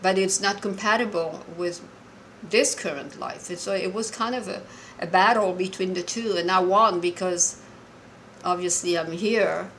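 Earnest, halting woman in her sixties. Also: fairly low pitch, fairly bright tone, slight background noise, rough recording. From Morocco. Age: 60s. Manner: earnest and halting, with frequent restarts. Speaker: caller. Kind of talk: personal story told on a call-in show.

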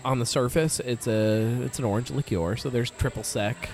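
A man's voice: medium pitch, normal speed, darkish tone. A man hosting a podcast in casual chat, rambling and correcting himself, laughing easily. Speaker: podcast host.

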